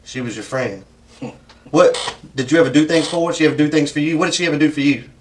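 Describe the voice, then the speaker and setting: A man's voice: on the high side, quick pace, distant mic, slight background noise. A man with a Southern US accent questioning someone as a police interrogator, persistent, probing and folksy, often repeating answers back as questions.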